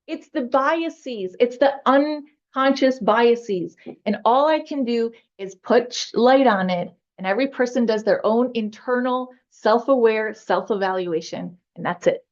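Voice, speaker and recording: A high-pitched woman trustee speaks with combative, emphatic passion at a village board meeting. The recording is dull and lo-fi. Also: a little slow, darkish tone. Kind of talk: heated public meeting debate.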